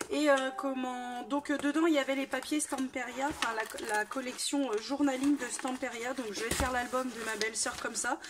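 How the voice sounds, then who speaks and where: A woman's voice: on the high side, background noise. A woman giving a casual, hesitant unboxing chat with many fillers and restarts. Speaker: crafting vlogger.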